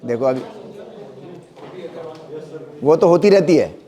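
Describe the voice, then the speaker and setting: A middle-aged anatomy teacher lectures his class in a slightly high, warm voice with lively intonation, taking it slowly. He mixes Hindi and English, spells terms letter by letter, stresses pronunciation, and often asks checking questions to make sure students follow.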